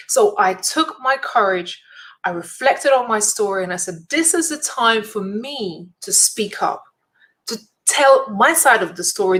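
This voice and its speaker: Speaking straight to camera, a woman who works as a speaker and event host gives an earnest, inspirational talk to her viewers, leaning on emphatic repetition. Her voice is a little high with a fairly bright tone.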